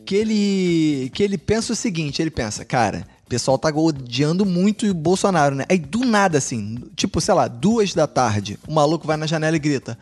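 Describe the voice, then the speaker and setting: A man's voice: on the high side, expressive, normal speed, few pauses, darkish tone, faint music behind. A Brazilian man telling slangy anecdotes in a casual podcast chat. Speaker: podcast co-host.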